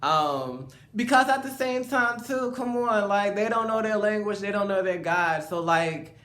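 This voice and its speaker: A man's voice: sits high, lively intonation, unhurried, fairly bright tone. A man hosting a casual chat, speaking reflectively, with loose phrasing and many fillers. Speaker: host.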